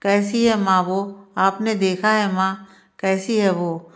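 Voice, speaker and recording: A young man pleading over and over in a storybook tale, as a woman narrator voices him. The voice stays flat and even in pitch, middle in height, with repetitive, pleading questions rather than big swings. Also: slow, lightly acted. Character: young man, desperate, pleading grieving lover.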